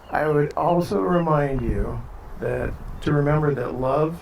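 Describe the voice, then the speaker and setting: A man leading a wedding ceremony as officiant, speaking in a steady, formal way with light joking asides. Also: on the high side, slow, creaky, a crowd in the background. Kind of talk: ceremony address. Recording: distant mic, faint background noise.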